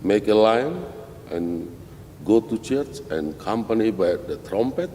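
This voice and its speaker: A middle-aged Indonesian-accented man speaks with a very low voice and an unhurried pace, restarting his English phrases often. He sounds like he is in a roomy hall with a long echo. A faint rumble sits under his speech. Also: sing-song, warm tone. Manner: halting non-native English with many restarts. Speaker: missionary pastor, guest. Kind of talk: interview answers.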